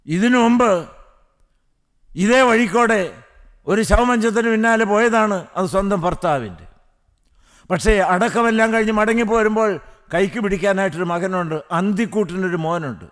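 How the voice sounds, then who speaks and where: Fervent high-voiced male preacher. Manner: fervent, swings between soft hush and loud cries, repeated hallelujahs. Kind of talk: sermon.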